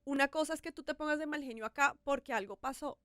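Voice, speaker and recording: Candid high-voiced woman host. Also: quick pace, no echo, studio quality. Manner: candid, animated, acts out her own shouting. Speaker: podcast host. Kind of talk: casual podcast conversation.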